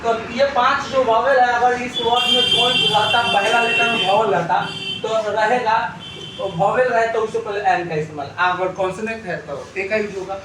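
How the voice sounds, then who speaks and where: A male teacher, high-pitched and bright, drills a class with repeated questions. His voice bounces around a very echoey room and sits some way from the mic. A faint hum of ambience runs behind him. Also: fairly even intonation, normal speed, recorded from a distance. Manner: asks the class rhetorical questions and repeats answers. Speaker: English teacher. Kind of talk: classroom grammar lesson.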